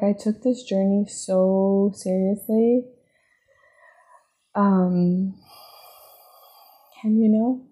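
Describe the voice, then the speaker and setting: A woman hosting her own podcast, talking gently and encouragingly in a reflective solo monologue, often asking "right?" and "you know". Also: medium pitch. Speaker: podcast host. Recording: phone-like narrow sound.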